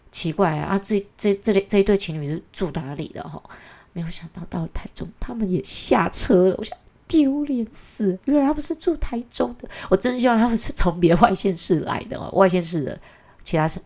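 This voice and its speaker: Woman vlogger, Taiwanese Mandarin accent, lower-pitched voice, chatty and exasperated storytelling. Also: darkish tone. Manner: chatty and exasperated, with mocking asides. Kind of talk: casual storytelling rant.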